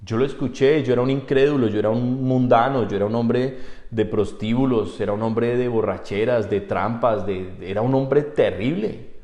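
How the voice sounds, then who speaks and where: A man's voice: mid-range voice, mellow, echoey room. A man, a pastor, preaching a sermon in earnest, moving from personal testimony to fervent exhortation of his congregation. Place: church.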